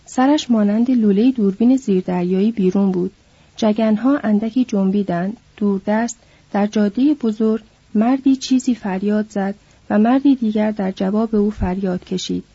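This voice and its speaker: Husky dark-voiced woman reading a novel. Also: medium pitch, dry recording. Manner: measured, descriptive reading. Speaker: audiobook narrator. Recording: dull lo-fi recording.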